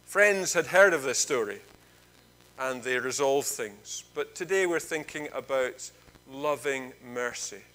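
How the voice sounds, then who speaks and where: A man's voice: medium pitch, expressive, measured pace, pushed and bright, low-quality recording. A Scottish man leading a church service, chatting with the congregation and telling a Bible story in a playful, informal way.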